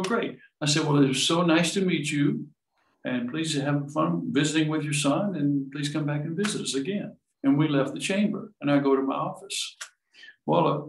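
A man with a voice of middle pitch, telling a story in an unhurried, humble way and acting out the people in it. He sounds set back from the mic in a room with some echo. He talks casually, like in a relaxed conversation. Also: distant mic. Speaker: gong chamber owner telling a story.

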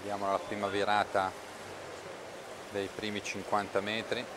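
A man with an Italian accent calls a freediving event in a calm, explanatory way, pointing out technique as the athletes swim. His voice sits low and stays flat. Loud pool noise washes under everything. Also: normal speed. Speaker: sports commentator. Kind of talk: live sports commentary. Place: indoor swimming pool.

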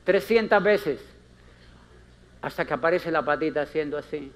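A man giving a conference talk as a motivational speaker, theatrical and emphatic, repeating phrases and acting out little scenes. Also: normal speed. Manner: theatrical, acts out characters with big pitch swings; repetitive, emphatic.

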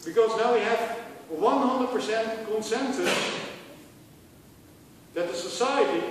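A man's voice: high voice, a little hiss or hum. A middle-aged man with a Dutch accent giving a university lecture, asking students rhetorical questions and often restarting his phrases. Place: large lecture hall. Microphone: far camera. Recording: echoey hall recorded from far off.

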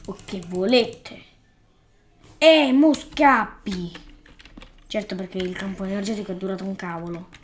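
A woman's voice: medium pitch, measured pace, pauses often, slight background noise. A woman doing playful Let's Play commentary, exclaiming at the game and scolding the creatures in it. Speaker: gaming YouTuber.

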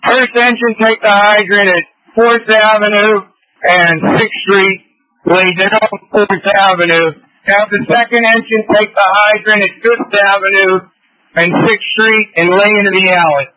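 A man's voice: sits high, steady tone, unhurried, sharp tone, muffled recording. A man commanding a fire scene over two-way radio, giving urgent, terse firefighter orders. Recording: noisy clicking two-way radio.

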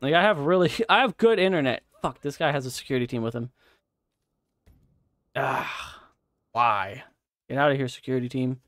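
A man's voice: medium pitch, rapid-fire, hardly any pauses, dry recording, clean studio sound. A young man live-streaming a game, chatting casually with viewers, swearing and laughing as he plays. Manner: swears and laughs often, reacts loudly to gameplay.

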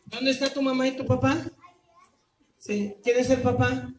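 A man with a Mexican accent performing as a street clown, teasing and calling loudly to an outdoor crowd. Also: very high-pitched, fairly even intonation, moderate pace. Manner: loud, teasing, calling out to the audience. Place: outdoor public square. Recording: echoey, distant and noisy.

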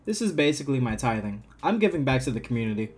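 A man hosting a gameplay video, reading a dating-sim script aloud with lively, chuckling reads of the lines. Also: mid-range voice, quick pace, background noise. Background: game music.

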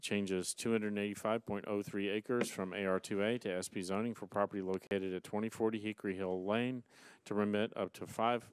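A middle-aged man chairing a council meeting, reading resolutions aloud in a brisk, formal way from a desk mic. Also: lowish voice, steady tone, a little hiss or hum. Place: large council chamber, seated at dais. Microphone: desk gooseneck mic.

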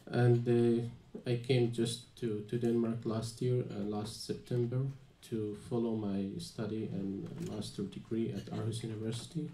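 A young Palestinian student from Gaza, a panel guest, gives a personal account before a live audience in a small, dim, echoey venue. His lowish, dark voice is flat and unhurried with few pauses, though he sounds hesitant, full of fillers and restarts, and a faint hiss or hum runs underneath.

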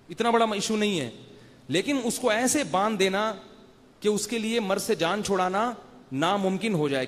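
A man's voice: high-pitched, big-room sound. A man giving a religious lecture to a live audience, talking conversationally, asking the listeners rhetorical questions and telling anecdotes. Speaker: Islamic scholar giving a Ramadan night lecture.

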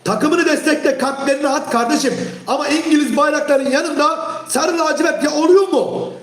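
A man hosting a live stream, ranting heatedly at his chat and often shouting. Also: very high-pitched, normal speed, echoey room. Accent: Turkish. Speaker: livestream host. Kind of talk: angry live-stream rant.

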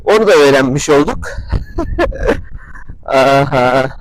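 A man recording a casual vlog outdoors at a horse stable, explaining horse care in a slow, steady way. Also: medium pitch, slight background noise. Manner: slow, coaxing and calling out to a horse, scolding it. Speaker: horse owner vlogger.

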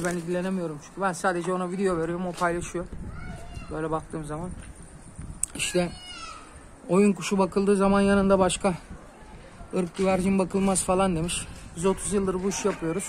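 A man's voice: high-pitched, flat delivery, brisk, low-quality recording. A man, a pigeon keeper, talking casually and earnestly to his viewers while filming outdoors on a rooftop with a phone. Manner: earnest, advising, calls pigeons with soft hissing sounds. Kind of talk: casual vlog talk to viewers.

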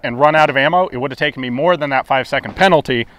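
A man reviewing his run at a shooting range in a relaxed, matter-of-fact way, outdoors. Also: medium pitch, racing, heavy background noise. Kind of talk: casual post-stage debrief.

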